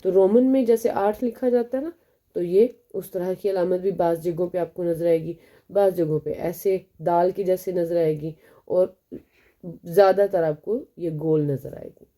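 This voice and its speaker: Woman, Pakistani Urdu accent, beginner lesson, very sharp and tense tone, patient step-by-step explaining. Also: on the low side, steady tone. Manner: explains step by step, asks and answers own questions; slows to spell out each letter sound. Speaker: Arabic teacher.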